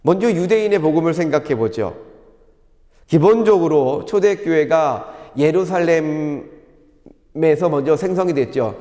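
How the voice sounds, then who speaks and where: A male pastor giving a sermon in a calm, measured teaching tone, often posing rhetorical questions. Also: a little high, big-room sound. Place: church sanctuary.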